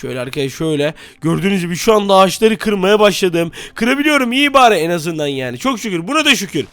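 A man doing loud, exasperated role-play commentary over a game. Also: high voice, sing-song, quick pace, dry recording. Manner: loud, exasperated, often shouting. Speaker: gaming YouTuber.

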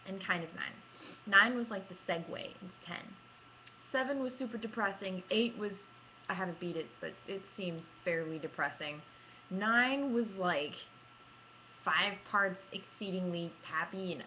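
A gaming vlogger, a young adult woman with a medium-pitched voice, spins casual, animated stories to camera in a theatrical, self-mocking style. She sits in a small room at home, and a computer webcam at arm's length captures dull lo-fi audio with obvious noise.

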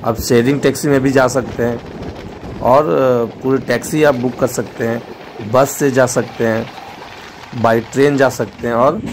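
A man's voice: mid-range voice, background noise. A man, a travel vlogger, narrating a voice-over with travel tips for his viewers. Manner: informative, gives tips to viewers.

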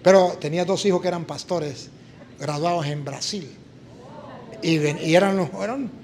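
Latin american priest preaching, high voice, acts out all the voices in his story, faint room noise. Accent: Latin American Spanish. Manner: animated, acts out dialogue in story. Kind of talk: sermon with storytelling.

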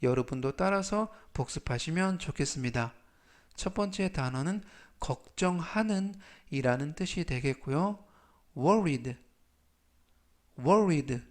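A man teaching English vocabulary in a slow, deliberate lesson. He has a Korean accent and reads each word three times with clear enunciation. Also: a little high.

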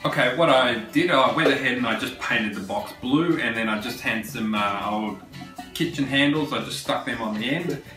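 A man, a woodworking host who explains a project in a relaxed, chatty way with fillers. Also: medium pitch, normal speed. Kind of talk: casual how-to narration. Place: large home workshop, indoors. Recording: roomy workshop sound, mic at a distance, music under the voice. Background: background guitar music.

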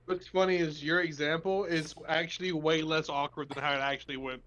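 A man gaming with a friend, telling crude stories in a deadpan way and acting out the quotes. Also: fairly high pitch, a little fast, muffled recording, a little hiss or hum. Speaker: co-player and friend. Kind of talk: casual gaming chat with a friend.

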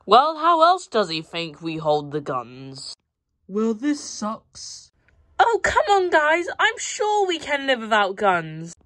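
Taking it slowly, a woman voices every toy in a homemade toy-train story, frequently breaking into high, excited outbursts.

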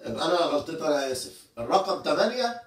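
A man with an Egyptian Arabic accent teaches English words, explaining step by step and checking that his students follow as he moves around an indoor room. His voice is on the high side, very animated and rapid-fire, picked up by a distant mic in an echoey room.

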